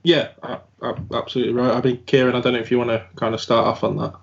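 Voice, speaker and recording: A man's voice: mid-range voice, little pitch movement, rapid-fire, vocal fry. A man who investigates the paranormal, talking through his work in a casual round-table chat. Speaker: paranormal investigator and podcast host. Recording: dull lo-fi audio.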